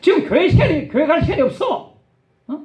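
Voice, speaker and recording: A sly, wheedling Satan, as a preacher acts it out with a Gyeongsang accent, coaxing in a lively, lifting tone. The voice rises high, and it rings in a roomy church echo. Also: male voice, brisk. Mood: insistent. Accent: Gyeongsang Korean. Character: sly coaxing Satan, male spirit, tempter.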